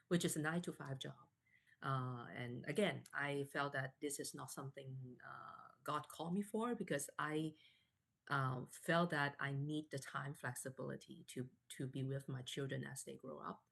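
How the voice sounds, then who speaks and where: A Canadian woman in her forties, guest on a live online interview, softly tells her story with many fillers and restarts. Her voice is deep and gravelly.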